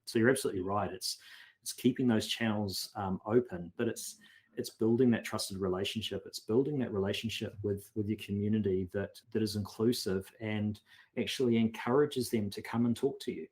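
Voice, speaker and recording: Low-voiced earnest man. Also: fairly even intonation, a little fast, darkish tone. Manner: earnest, repeats words when restarting. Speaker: guest consultant. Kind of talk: conversational podcast interview.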